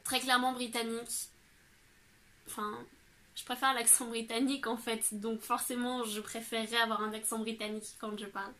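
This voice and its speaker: A young woman from France answers her viewers' questions in a loose, chatty vlog. Her voice is bright and a little high, and she fills her talk with small hesitations. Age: young adult. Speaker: vlogger. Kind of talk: casual Q&A vlog.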